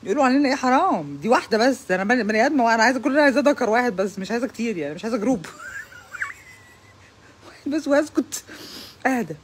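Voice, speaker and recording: A young woman with an Egyptian accent delivering an exasperated comic stand-up monologue, with loud outbursts of complaint. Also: fairly high pitch, lively intonation, racing, long pauses, slight background noise. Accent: Egyptian Arabic. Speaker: comedian.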